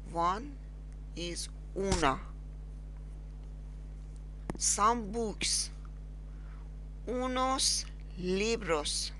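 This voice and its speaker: A woman with as her teaching a beginners' lesson, halting and repeating words slowly. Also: medium pitch, pushed and bright, a little hiss or hum. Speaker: language teacher. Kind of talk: slow screen-recorded lesson.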